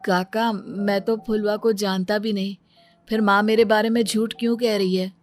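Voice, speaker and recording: A woman's voice: mid-range voice, little pitch movement, normal speed, soft background music, natural voice. Woman voicing a meek, timid young man. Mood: helpless. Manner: meek, helpless.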